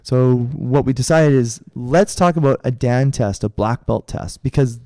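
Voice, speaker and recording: A man's voice: medium pitch, normal speed, a little mellow, no room sound, clean studio sound. Rambling middle-aged male podcast co-host. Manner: rambling storytelling with restarts. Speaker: podcast co-host, karate instructor. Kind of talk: casual chat.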